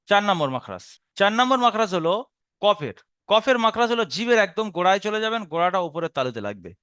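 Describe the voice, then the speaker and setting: High-voiced man teaching letter sounds. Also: very animated, fairly bright tone, no room sound. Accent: Bengali. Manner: patient, repeats and demonstrates sounds slowly. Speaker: Quran recitation teacher. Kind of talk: explaining Arabic letter pronunciation.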